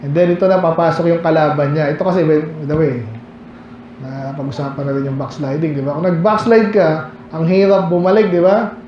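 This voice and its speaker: A man's voice: a little high, steady tone, a little fast, darkish tone, reverberant, muffled recording, a little hiss or hum. A male pastor with a Filipino accent, preaching a Bible study in a chatty way, asking his listeners questions and reading old scripture verses aloud. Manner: conversational preaching with rhetorical questions, reads King James verses aloud. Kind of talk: Baptist sermon, Bible study. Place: church hall.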